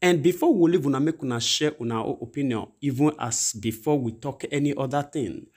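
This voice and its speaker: A man's voice: mid-range voice, fairly quick, darkish tone, slightly rough. A man with a Nigerian Pidgin accent hosting a news commentary, talking in a rambling, repetitive way. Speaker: channel host. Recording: voice-over over news images.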